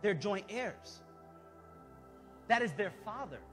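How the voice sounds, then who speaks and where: This man, in his thirties, preaches with fervor and exhortation to a congregation from the church stage, pausing so an interpreter can translate. He has a high, animated, slightly bright voice and takes his time, while worship music plays in the background.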